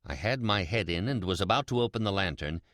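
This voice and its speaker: A man playing a sly, mad, gloating murderer in a theatrical, deliberate dramatic reading of a Gothic horror story. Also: low voice, lively intonation, fairly bright tone, no room sound. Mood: sinister, hushed. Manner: theatrical, deliberate, drawn-out emphatic repetitions. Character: mad, gloating, sly male murderer confessing his crime.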